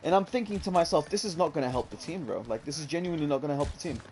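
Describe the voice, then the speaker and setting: A man's voice: a little high, expressive, racing, darkish tone, slight background noise. A young man casually telling a long story about an online game, rambling with lots of fillers and calling the listener "bro". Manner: rambling, fillers like "what's it called", says "bro".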